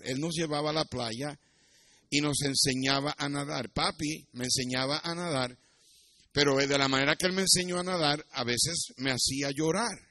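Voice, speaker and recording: Middle-aged male pastor, sermon delivery, bright tenor, animated and emphatic. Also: on the high side, no echo, clean studio sound. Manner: animated storytelling preacher, rises to loud emphatic passages. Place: church.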